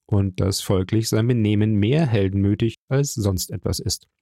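A man voicing a calm, powerful count who speaks softly and measuredly. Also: on the low side, vocal fry, no room sound, studio quality. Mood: gentle. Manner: soft, measured, gently smiling. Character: calm, powerful middle-aged count, gentle and mysterious.

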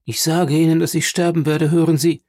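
A man's voice: on the high side, little pitch movement, brisk, darkish tone, no room sound, clean studio sound. A man voicing a frail, stern old grandmother who speaks in an imperious, insistent way, in an audiobook reading. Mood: commanding.

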